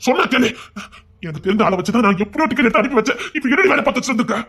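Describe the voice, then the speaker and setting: A man's voice: very high voice, animated, bright, forceful tone, breathy edge, heavily acted. A man playing a young rowdy who broods over a past heartbreak and scolds a woman for coming back. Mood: angry. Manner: scolding, rapid, exasperated. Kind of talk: amateur romance drama acting.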